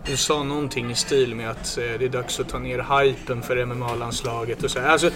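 A man's voice: mid-range voice, fairly even intonation. A man co-hosting a sports podcast, speaking hesitantly with many restarts and repeated words. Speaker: podcast co-host. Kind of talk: casual podcast interview.

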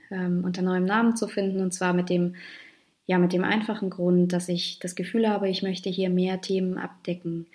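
A woman hosting a podcast, talking softly and hesitantly with many fillers as she introduces her show and her guest. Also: fairly low pitch. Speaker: podcast host. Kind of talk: podcast interview.

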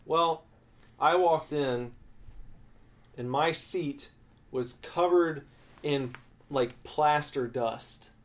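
A man's voice: a little high, very slow, long pauses. A young adult man co-hosting a podcast, telling a school story in rambling casual chat, with swearing and growing heat. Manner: rambling, profane, heated when recounting conflict. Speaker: podcast co-host.

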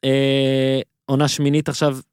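A young man hosting a podcast, playful and jokey, tossing quick asides to his listeners. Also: mid-range voice, completely flat delivery, darkish tone, smooth, no room sound, studio quality. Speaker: podcast host. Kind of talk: casual podcast conversation.

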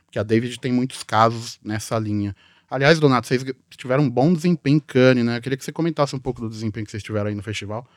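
A man's voice: medium pitch, rapid-fire, dry recording, clean studio sound. A man with a Brazilian accent hosting a casual podcast in an informal, chatty way. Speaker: podcast host, journalist.

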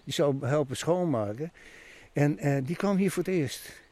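A man, telling a story in an interview in an animated way and acting out what people said. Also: on the high side, a little slow, no room sound. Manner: animated storyteller, many restarts, acts out quotes.

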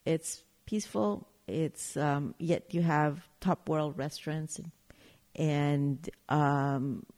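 Woman, low voice, winery owner as a chatty guest who pauses to find her words. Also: steady tone, a little mellow. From Chile. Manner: chatty, storytelling, searches for words. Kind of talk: casual interview chat.

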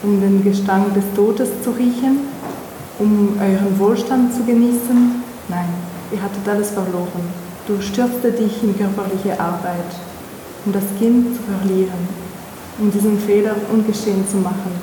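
A woman reads prose aloud in a calm, even voice. The room around her is roomy and echoing, with a long hall reverb. Clear background noise runs under the reading. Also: medium pitch, normal speed. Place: museum event space.

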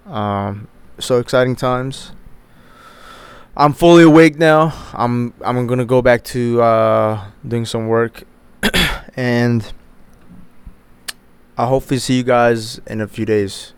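A man's voice: mid-range voice, fairly even intonation, takes it slowly, long pauses, smooth. A man in his twenties hosting a podcast alone, rambling casually with heavy swearing and lots of fillers. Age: 20s. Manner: rambling, profane, many fillers. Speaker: podcast host. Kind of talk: casual solo chat.

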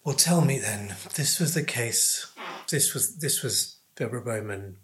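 A man interviewing in a conversational, probing way, phrasing his words deliberately and in careful fragments. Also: medium pitch, lively intonation, a little hiss or hum.

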